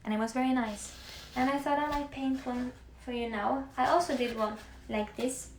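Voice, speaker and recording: A young Norwegian woman with a Norwegian accent, chatting softly on a livestream while she paints, often slipping into near-whispers. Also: high voice, fairly even intonation, normal speed. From Norway. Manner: soft-spoken, often drifting into near-whispers. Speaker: musician live-streaming to fans. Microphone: phone. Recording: echoey room with faint background hiss.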